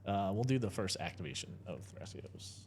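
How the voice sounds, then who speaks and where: A man calmly calling out his plays in a card game, with hesitant pauses. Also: low-pitched, noisy background. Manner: methodical, hesitant with "uh". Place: indoor gaming table at a convention.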